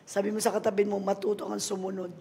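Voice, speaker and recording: A woman's voice: medium pitch, level tone, fast talker, gravelly, dark tone. A middle-aged woman pastor with a Filipino accent, preaching a sermon in a mix of languages and calling the congregation to answer amen. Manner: preaching in Taglish, calling for amens.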